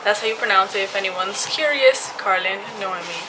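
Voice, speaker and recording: A woman's voice: medium pitch, brisk. Chatty young woman, a bit breathless. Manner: chatty, enthusiastic, says freaking and like a lot. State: a little out of breath. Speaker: YouTuber. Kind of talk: casual vlog chat. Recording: noticeable background noise.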